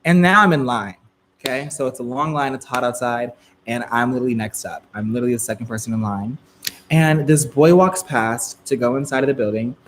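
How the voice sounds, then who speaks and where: Young man in his twenties, mid-pitched, talking straight to his live chat. Chatty and full of fillers, going loud then soft. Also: brisk, a little hiss or hum. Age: 20s. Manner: chatty, filler-heavy, frequent laughs, swings between loud and soft. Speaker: live stream storyteller. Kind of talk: casual storytelling to a live chat.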